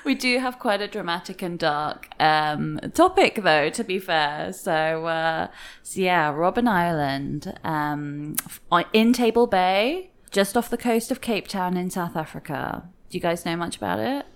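A woman's voice: lowish voice, lively intonation, a little slow, clear, resonant tone. A woman co-hosting a podcast in casual chat, explaining things in an easygoing way with lots of fillers. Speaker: podcast co-host.

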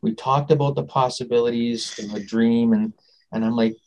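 Guy telling his story as a guest, mid-pitched voice, rambly and animated, keeps restarting. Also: moderate pace, low-quality recording. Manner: animated, acts out quoted dialogue; rambling with restarts and trailing phrases. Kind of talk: casual storytelling in an interview.

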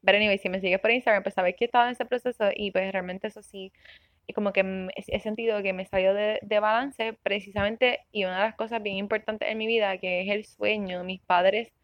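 A woman's voice: mid-range voice, fairly even intonation, a little fast, no echo. A woman in her thirties hosting a self-help podcast in a chatty, earnest way, often checking in with the listener and laughing. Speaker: podcast host. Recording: dull dry recording.

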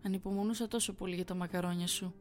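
A woman voicing a young man who hides his fear behind forced, hesitant calm. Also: mid-range voice, faint music behind, lightly acted. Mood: nervous.

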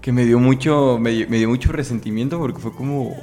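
A young man with a Mexican accent recounts a personal story in an interview, speaking candidly and emotionally with plenty of casual slang. His voice sits at an ordinary middle pitch. Faint music plays underneath. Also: brisk, warm tone.

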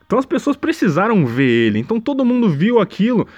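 A man giving a sarcastic, rambling casual monologue, mocking what he saw online and breaking into loud exaggerated bursts. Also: high-pitched, huge pitch swings, highs cut off. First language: Portuguese. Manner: mimics a slow dazed voice when quoting.

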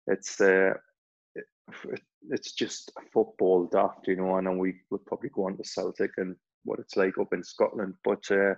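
Low-pitched with vocal fry, his voice stays level at a moderate pace, though the audio is dull. He's a forties-aged former player and club staff member from Newcastle, England, speaking with a Geordie accent. In the interview he rambles, frequently restarting and filling pauses.

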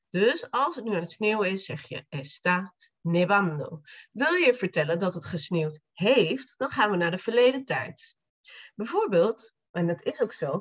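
A woman teaching Spanish in a podcast lesson, explaining slowly and repeating each phrase. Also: on the low side, muffled recording.

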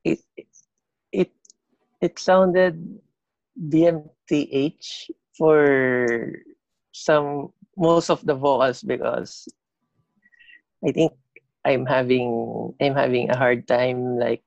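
Slow, gravelly man with a slight lisp. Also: mid-range voice, steady tone, darkish tone, no echo, dull audio. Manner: slow, halting, many fillers and restarts. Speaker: band vocalist, podcast guest. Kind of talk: casual interview chat.

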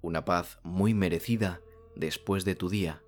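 A man from narrates a soothing guided sleep meditation like a bedtime story narrator, speaking calmly in slow phrases with long pauses. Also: sits low, soft background music.

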